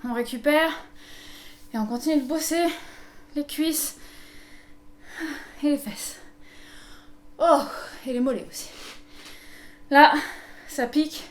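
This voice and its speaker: A high-voiced woman coaches a workout in an echoey room with noticeable background noise. She calls out moves and counts down, urging people on between bits of casual chat. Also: slow, pauses often. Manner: motivating, counting down and calling out exercises. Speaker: fitness instructor leading a home workout.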